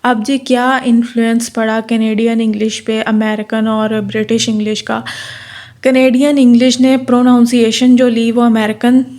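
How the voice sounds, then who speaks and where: A woman tutor from Pakistan, giving a lecture that reads English notes slowly and then explains them in her own words. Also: a little high, flat delivery, darkish tone.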